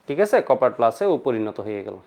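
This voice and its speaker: A man's voice: medium pitch, very animated, quick pace, darkish tone, a little hiss or hum. A male chemistry teacher gives a lecture, asking questions and answering them himself and mixing in English terms. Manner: mixes English terms into his speech. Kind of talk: online lecture to students.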